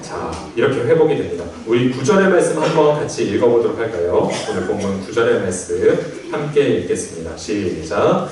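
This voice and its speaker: A man's voice: medium pitch, very animated, brisk, hardly any pauses, crowd noise. Male pastor preaching in an echoey church. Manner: gentle, conversational preaching with congregation readings. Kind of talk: sermon. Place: church sanctuary. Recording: very echoey church hall, mic at a distance.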